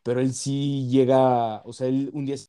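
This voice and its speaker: Man, young adult, mellow dark tone, earnest, halting, casual chat. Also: mid-range voice, level tone, clear, resonant tone. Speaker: law student. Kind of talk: casual conversation.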